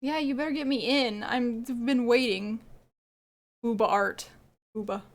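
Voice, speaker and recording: High-voiced chatty woman streamer. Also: unhurried. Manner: rambling, chatty, laughs often. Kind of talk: casual live-stream chat while gaming.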